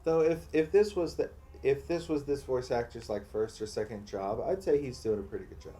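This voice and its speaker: A man's voice: mid-range voice, fairly quick, dark tone. A man casually commentating on a video game as a streamer, musing and thinking aloud off the cuff.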